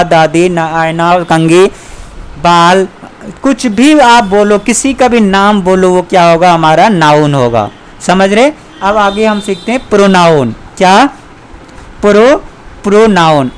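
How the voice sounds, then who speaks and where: Male teacher, very slow deliberate dictation, smooth clear voice, quizzes the class. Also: sits high. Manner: slow, drawn-out dictation with repeated questions to students. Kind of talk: classroom grammar lesson.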